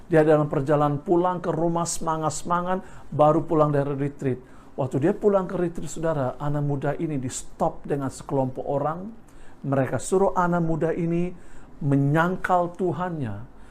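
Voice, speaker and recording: A male pastor preaching a sermon, constantly addressing the congregation and slowing down on key words for emphasis. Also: on the high side, a little mellow.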